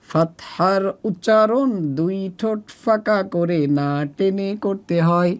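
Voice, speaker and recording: A woman's voice: steady tone, slow pace. A woman teaching children an Arabic reading lesson, explaining and then spelling out letters one by one in a methodical drill. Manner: methodical letter-by-letter drilling, pitch jumping between items.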